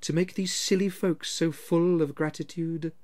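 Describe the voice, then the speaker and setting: A reader voicing a calm, solemn spirit who speaks in a quiet, measured way. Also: medium pitch, voice pushed up, lightly acted.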